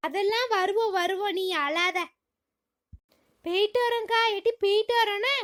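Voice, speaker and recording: A woman voices a cartoon villager, talking in a brisk, soothing way. Her voice is very high and bright. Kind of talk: village cartoon comedy voicing.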